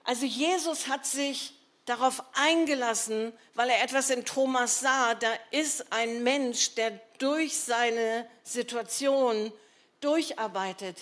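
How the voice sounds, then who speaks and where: A woman's voice: on the high side, slow pace, a bit bright. A woman preaching a sermon in an earnest, emphatic, conversational way, with rhetorical asides to the congregation.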